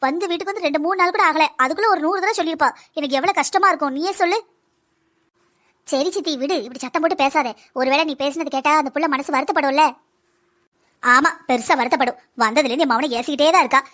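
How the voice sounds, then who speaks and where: A woman with a southern Tamil accent voicing village women who bicker in a cartoon, quick and scolding. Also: high-pitched, a bit bright. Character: village women bickering over a son's second marriage. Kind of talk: cartoon dialogue.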